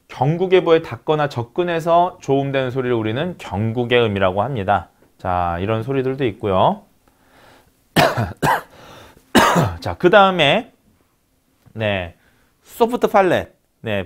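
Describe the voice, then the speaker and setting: A man giving a recorded university lecture, explaining step by step and repeating key terms. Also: medium pitch.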